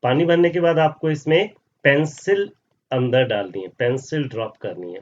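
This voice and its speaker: A male science teacher explaining a lesson, often asking questions and answering them himself and calling students "beta". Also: a little high. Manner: mixes Hindi with English terms. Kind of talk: classroom lesson explaining over slides. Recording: slightly dull audio.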